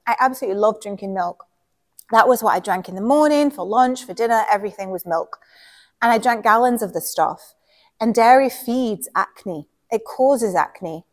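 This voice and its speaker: A middle-aged woman speaks candidly and earnestly, as if sharing a personal story with a friend. Her tone is conversational, with small pauses and fillers. Her pitch sits in an ordinary middle range. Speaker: wellness author telling her health story.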